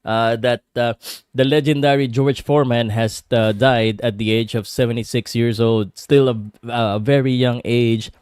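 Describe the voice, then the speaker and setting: A man with a Filipino accent hosts a casual boxing livestream, chatting with viewers and switching between English and Tagalog in a halting way. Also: medium pitch, steady tone, darkish tone, clear, resonant tone, no room sound. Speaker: livestream host and boxing commentator.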